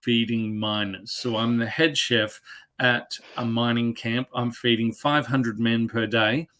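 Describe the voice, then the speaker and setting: A man's voice: mid-range voice, steady tone, unhurried, fairly bright tone. A man with an Australian accent, hosting an interview on a video call, earnest and repeating words for emphasis. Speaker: interview host, head chef. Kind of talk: conversational interview.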